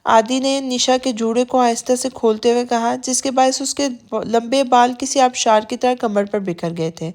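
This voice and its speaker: A woman narrating a romance novel as an audiobook, reading softly and evenly. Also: on the high side, hardly any pauses.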